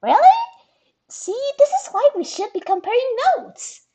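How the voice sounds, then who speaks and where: A woman voicing a bubbly, cheerful young female sea troll who talks in a squeaky, giddy way and keeps saying glub. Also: very animated, a little slow, warm tone, full character voice. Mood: chirpy.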